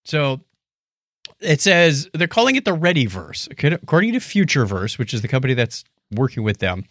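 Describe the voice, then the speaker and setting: Joking and playful, a male podcast host keeps the co-hosted chat casual and conversational. His medium-pitched voice swings widely in pitch at a normal speed, with a fairly bright tone. The sound is studio quality with no echo.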